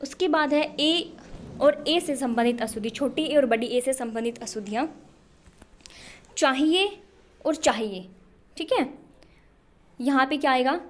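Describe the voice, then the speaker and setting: High-voiced woman teaching Hindi spelling. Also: unhurried, pauses often, a little hiss or hum. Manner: repetitive questioning, answers her own questions. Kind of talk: exam-prep spelling lesson.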